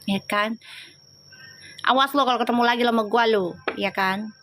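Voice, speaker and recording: A woman's voice: on the high side, moderate pace, sharp tone, soft background music. A woman reading tarot on a livestream, chatting in slang and teasing her viewers. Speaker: tarot reader.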